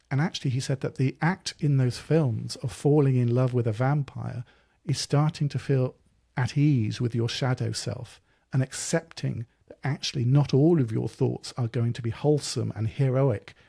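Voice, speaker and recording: Mellow-voiced rambling podcast host man. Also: medium pitch, vocal fry, slightly rough. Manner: thoughtful, rambling questions. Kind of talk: interview chat.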